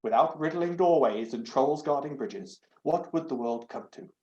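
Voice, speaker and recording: Man doing a fussy talking door knob, high and loud, pompous and scolding, echoey room, dull sound. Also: animated, normal speed, lightly acted. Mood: indignant. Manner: pompous, scolding, self-righteous. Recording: echoey, dull home recording.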